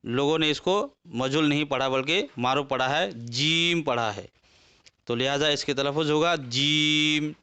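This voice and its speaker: A man's voice: on the high side, unhurried, sharp tone, clear, resonant tone. A man teaching a lesson, reciting letters one by one and explaining them patiently. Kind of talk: slow alphabet lesson.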